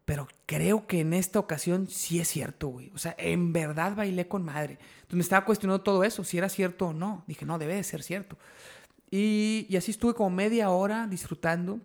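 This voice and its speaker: A young Mexican man hosting a podcast, telling an animated, slangy story and laughing at himself. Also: high voice, fairly quick, vocal fry, few pauses. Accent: Mexican Spanish. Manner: animated, slangy, laughs at his own stories. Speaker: podcast host. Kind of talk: casual storytelling chat.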